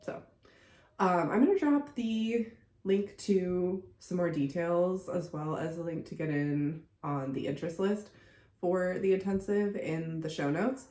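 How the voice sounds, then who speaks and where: A young podcast host and contortion coach delivers a casual solo monologue, full of fillers and congested from a recent illness. Her voice is lowish and dark-toned, a little slow, and the room is echoey.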